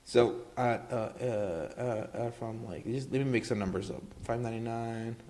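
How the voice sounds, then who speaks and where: A man's voice: mid-range voice, moderate pace, mellow, slight background noise. A man hosting a casual screen-share marketing tutorial, rambling with lots of fillers and tag questions. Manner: rambling, filler-heavy, keeps saying obviously and right.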